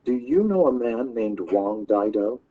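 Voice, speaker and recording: A man's voice: medium pitch, lively intonation, measured pace, narrow, tinny audio. A man reading aloud in a classroom story lesson, voicing a curious young boy who plays a computer game.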